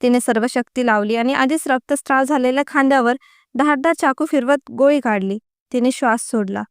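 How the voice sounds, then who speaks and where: Woman reading a story, smooth and dry. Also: sits high, fairly quick, no room sound. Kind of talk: scripted story narration.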